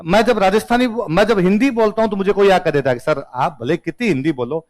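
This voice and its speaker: High-voiced teacher with a Rajasthani accent. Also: male voice, fairly quick, rough recording. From Rajasthan, India. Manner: playful, repeats words to contrast their pronunciation. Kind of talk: humorous classroom lecture.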